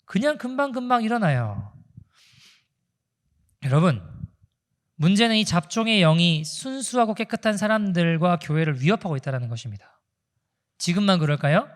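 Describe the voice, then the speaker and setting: A male pastor preaching a sermon, asking the congregation questions and acting out quotes. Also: high-pitched. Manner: animated preaching with rhetorical questions and acted-out quotes. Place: church in Toronto.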